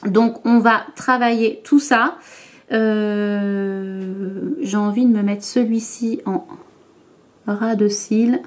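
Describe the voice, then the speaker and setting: A woman's voice: medium pitch, steady tone, slow pace. A woman vlogger talking through her makeup routine to camera, chatty and hesitant, with frequent fillers and restarts. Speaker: beauty vlogger. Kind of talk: makeup tutorial talk to camera.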